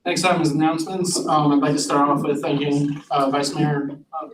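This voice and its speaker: Echoey, higher-pitched man chairing a meeting. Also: flat delivery, a little fast. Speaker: board chair. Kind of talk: formal meeting procedure. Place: public board meeting room. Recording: echoey distant meeting room microphone, noisy.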